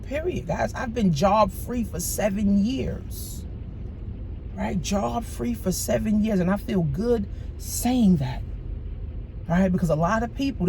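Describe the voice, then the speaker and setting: A woman's voice: medium pitch, dark tone. A woman money coach giving a motivational vlog talk, emphatic, repetitive and slangy, with a preachy edge. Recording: clear traffic noise behind.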